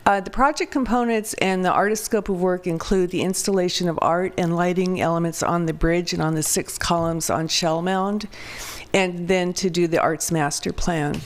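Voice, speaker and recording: A woman consultant with a raspy, hoarse voice, presenting a project to a city council in an orderly way. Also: on the low side. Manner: orderly, reads through points with some fillers. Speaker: public art consultant.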